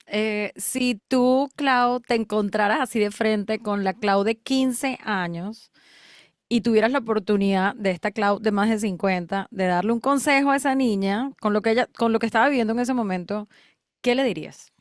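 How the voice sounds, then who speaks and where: A woman hosting a podcast, asking interview questions in a gentle, measured way. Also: mid-range voice, no room sound, clean studio sound. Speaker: podcast host.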